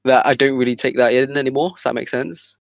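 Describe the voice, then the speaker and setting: A man's voice: mid-range voice, fairly even intonation, fast talker, vocal fry, no echo. A man in a casual podcast chat, speaking hesitantly with many fillers and restarts.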